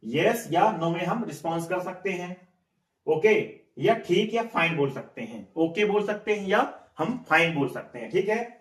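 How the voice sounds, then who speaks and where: High-pitched guy teaching english vocab, keeps repeating words and asking "what do we say?", roomy echo. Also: expressive, normal speed. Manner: repeats words and quizzes the listener. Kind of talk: spoken English lesson. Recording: echoey room, mic at a distance.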